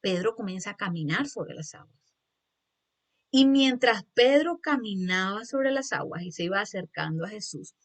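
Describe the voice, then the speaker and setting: A woman preaching a sermon, telling a scripture story with lively, acted-out emphasis and often addressing her listeners directly. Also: medium pitch. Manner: acts out the scene with raised voice at dramatic moments.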